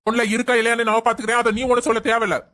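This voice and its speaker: Lady playing a bossy dad, talks fast and stern. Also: fairly high pitch, flat delivery, a bit bright, lightly acted. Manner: commanding, stern. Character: stern middle-aged father, strict and commanding. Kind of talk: family skit acting.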